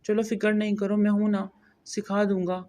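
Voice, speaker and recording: A brooding, domineering young husband, as a woman reader puts him on in an audio novel. He talks in a low, intense murmur at a middling pitch. The tone stays commanding and close. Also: level tone, dark tone, lightly acted.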